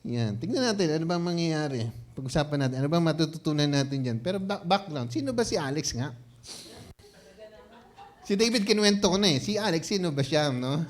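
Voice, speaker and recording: A man's voice: fairly high pitch, animated, a little fast. A man preaching a conversational sermon as pastor, playful and laughing often, often checking in with the congregation and mixing Tagalog with English.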